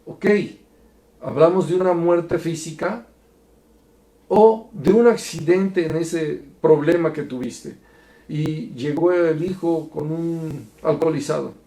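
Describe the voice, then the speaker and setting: A man teaching a Bible study in an earnest, preacherly way, going from soft to emphatic. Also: fairly high pitch, slow. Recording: echoey room.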